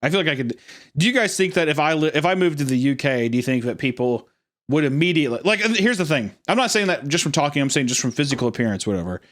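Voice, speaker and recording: A man co-hosting a podcast, chatting casually in an excitable, stammering, self-mocking way. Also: fairly high pitch, quick pace. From United States. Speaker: podcast co-host. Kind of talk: casual chat.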